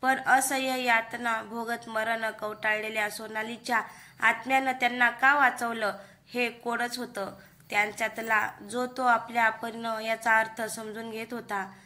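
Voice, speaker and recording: A woman's voice: fairly high pitch, flat delivery, a little slow, bright, forceful tone. A woman narrating a horror story in a dramatic, emphatic way.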